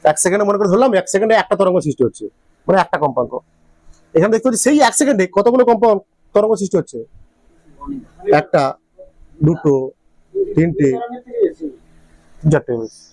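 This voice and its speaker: In a dry recording, a high-pitched man gives a physics lecture, asking his students questions more than once and frequently making sure they keep up.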